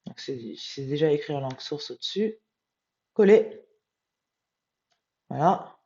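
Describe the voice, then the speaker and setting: A woman's voice: low voice, animated, lo-fi sound. Tired woman muttering at her screen. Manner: muttering to herself, reads passages slowly and emphatically. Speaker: medium transcribing a channeled text. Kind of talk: live screen-recorded transcription, thinking aloud.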